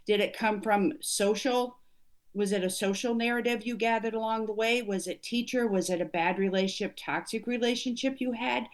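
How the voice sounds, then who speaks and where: In a conversational interview, a middle-aged woman who works as an executive coach appears as the guest. Her voice sits a little high and her pace is moderate as she speaks earnestly and emphatically.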